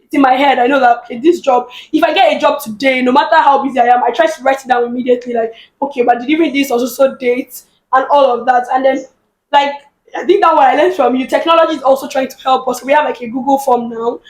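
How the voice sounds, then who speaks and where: High-voiced Nigerian woman, chatty. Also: quick pace, roomy sound. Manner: lively, chatty, laughs often. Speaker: guest business owner. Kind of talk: casual interview chat.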